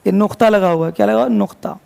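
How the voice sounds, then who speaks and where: Gravelly high-voiced Hindi-speaking teacher. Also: male voice, quick pace, darkish tone. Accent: Hindi-speaking North Indian. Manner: questions students and answers himself, spells words letter by letter. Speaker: English teacher. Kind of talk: classroom grammar lesson in Hindi.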